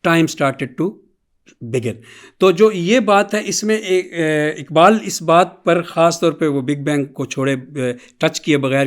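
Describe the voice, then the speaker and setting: A man with a fairly high voice gives an academic lecture in answer to a question. He explains patiently and step by step. He drops English phrases into his speech and draws them out slowly when he quotes. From Pakistan.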